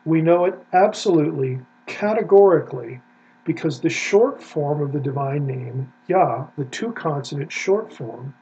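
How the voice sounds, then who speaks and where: Guy teaching hebrew off his screen, mellow husky voice, dull lo-fi sound with a faint hum. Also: fairly high pitch, expressive, unhurried. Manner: methodical, explanatory, points at the screen. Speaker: Bible scholar teaching Hebrew. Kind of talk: screen-share lecture.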